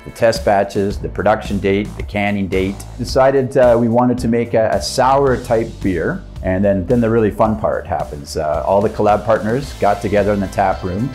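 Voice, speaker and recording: A man in his thirties explains things in a relaxed way with small pauses, in a promotional interview. His voice is fairly low. Faint music plays underneath. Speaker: brewery staff. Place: indoor brewery.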